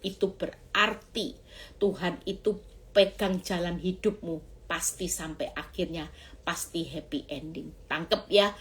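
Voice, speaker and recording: A middle-aged woman evangelist preaching a chatty live-stream sermon, acting out cries and prayers and asking her listeners questions. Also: lowish voice. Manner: animated, acts out cries and prayers, jumps to shouts.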